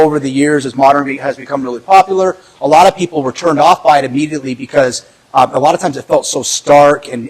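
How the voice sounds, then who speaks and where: The audio is poor as a man with a fairly high, husky voice tours the inside of a large house. He's a real estate agent giving casual commentary, chatty and upbeat, peppered with fillers and light laughter.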